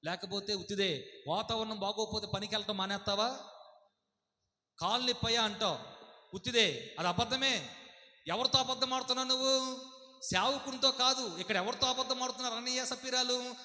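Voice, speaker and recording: A man's voice: extremely high pitch, a little fast, pushed and bright. A man preaching a sermon with a Telugu accent, fervent and asking the congregation question after question. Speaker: pastor. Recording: long hall reverb.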